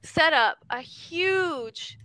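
A woman with a high, bright voice tells a story in casual chat on a podcast. She is animated and excitable and laughs a lot. The mic is close and the sound is dry. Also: drawn-out words, no echo. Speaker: podcast co-host.

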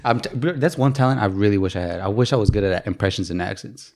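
A young man from Texas co-hosting a podcast, joking and animated, calling everyone bro. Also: on the low side, fast talker. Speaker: podcast co-host. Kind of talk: casual chat.

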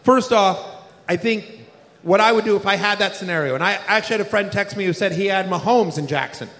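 A man's voice: high-pitched, a little fast, fairly bright tone. A man hosting a live podcast before an audience, talking in a playful, rambling, self-mocking way. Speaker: podcast host. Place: large live music venue with audience. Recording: live hall with long reverb.

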